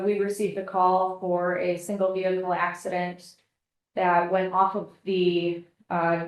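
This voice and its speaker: A woman testifying in court as a paramedic, polite and measured, heard as a courtroom recording. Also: on the low side. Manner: polite, measured, answering with "yes, sir". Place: courtroom witness stand. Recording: echoey courtroom audio.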